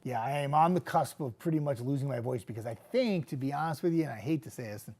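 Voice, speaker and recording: Talking fast with lively intonation, a young man with a mid-range voice, a TV weatherman, chats easygoingly with viewers and reads out their comments. He mentions he's getting sick and losing his voice, and he tends to drift into quiet asides.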